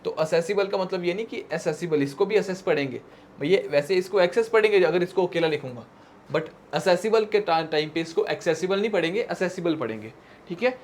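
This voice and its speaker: A man teaching English vocabulary for an exam in a mixed Hindi and English lecture, reading English definitions out slowly and checking in with students. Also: sits high, expressive, a little mellow, slight background noise. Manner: tag questions to students.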